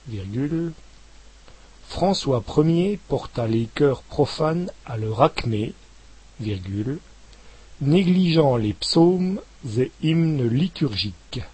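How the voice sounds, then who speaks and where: A man reading a dictation aloud slowly, articulating each word and saying the punctuation marks in a lower voice. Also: a little mellow, breathy edge, poor audio. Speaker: dictation reader. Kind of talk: slow dictation with spoken punctuation.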